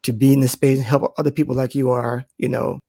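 A man's voice: mid-range voice, little pitch movement, fast, gravelly, warm tone, no echo, clean studio sound. A man hosting an interview podcast who backs the guest with short yeahs and repeats words as he starts sentences. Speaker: podcast host. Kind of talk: casual interview talk.

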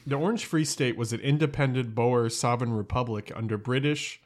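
Man, mid-pitched voice, casual podcast co-host, curious questions. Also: fairly quick. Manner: asks many questions. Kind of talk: casual chat.

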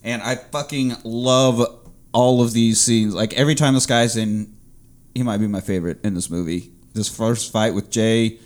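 A man's voice: on the low side, steady tone, moderate pace. A man from Kansas co-hosting a casual movie chat, profane and joking. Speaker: podcast co-host.

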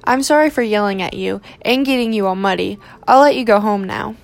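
A woman's voice: medium pitch, a little fast, creaky, lightly acted. A woman voicing a proud, upset young woman who talks in a defiant, haughty way in a storybook reading.

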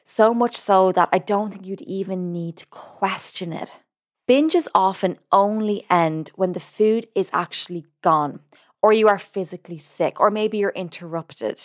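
Woman, podcast host, earnest, measured, explanatory monologue. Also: fairly low pitch. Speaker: podcast host and binge eating coach.

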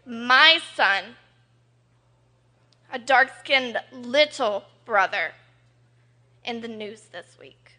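A woman on a poetry cafe stage, talking nervously between halting pauses and performing spoken-word poetry. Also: on the high side, bright, forceful tone. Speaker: performing poet.

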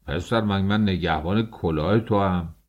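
Guy doing a gruff mustached doorman, deep and bossy, storybook reading. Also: muffled recording. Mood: scolding. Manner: barking, scolding. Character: gruff mustached male doorman at a government office.

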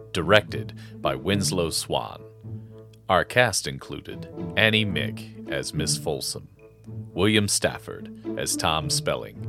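A man announcing the closing credits of a radio drama in the manner of an old-time radio show, formal and measured. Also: deep voice. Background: music.

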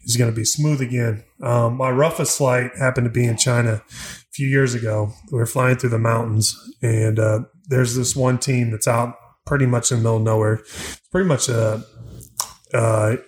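A man's voice: medium pitch, steady tone, normal speed. Easygoing man telling rambling stories. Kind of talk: casual chat, storytelling.

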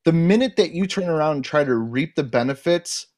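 Blunt, profane man with a higher voice. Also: animated, a little fast, a little mellow. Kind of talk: casual opinionated chat.

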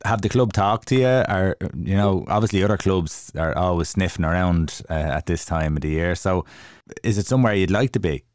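A man's voice: sits low, a little fast, a little mellow, clear, resonant tone, no room sound, clean studio sound. A man with an Irish accent, casually interviewing a guest as a podcast host.

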